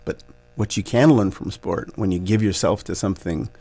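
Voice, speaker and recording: A Canadian basketball coach in his forties appears as a radio interview guest, sounding thoughtful and grateful. He laughs easily and pauses often with plenty of fillers, and his low, mellow voice is captured in a dry recording.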